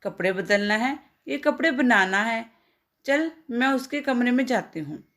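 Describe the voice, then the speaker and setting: A woman's voice: fairly high pitch, animated, measured pace, fairly bright tone, pitched above the performer's own voice. A woman voicing a pushy, teasing middle-aged neighbor aunt in a read-aloud family story, scolding and making puns. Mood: insistent.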